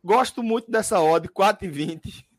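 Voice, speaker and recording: A man's voice: sits high, normal speed, husky, no echo. A man hosting a casual betting podcast in slangy, sweary colloquial speech. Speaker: podcast host.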